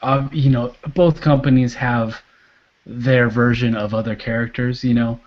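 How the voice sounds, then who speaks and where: A man co-hosting a comic book podcast, speaking in a laid-back, hesitant way with many fillers and quiet trailing endings. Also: medium pitch, fairly even intonation, unhurried. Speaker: podcast co-host. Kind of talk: casual chat. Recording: dull lo-fi podcast audio.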